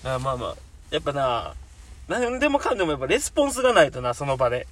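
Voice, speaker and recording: A young man with a Kansai accent co-hosting a casual comedy chat, laughing often and dropping low and quiet between bursts. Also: big pitch swings, very fast, a little hiss or hum. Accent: Kansai Japanese. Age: young adult. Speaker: podcast co-host.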